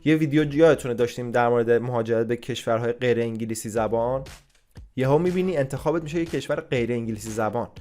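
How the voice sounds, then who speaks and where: Brief: young man vlogger, mid-pitched, blunt advice, faint music bed. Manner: blunt and forceful, scolds and swears at the listener. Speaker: vlogger giving immigration advice. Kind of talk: casual advice monologue.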